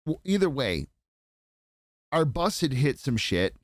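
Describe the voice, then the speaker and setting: A man's voice: medium pitch, very animated, measured pace, no room sound, clean studio sound. A man co-hosting a podcast in casual chat, rambling and swearing a lot. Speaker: podcast co-host.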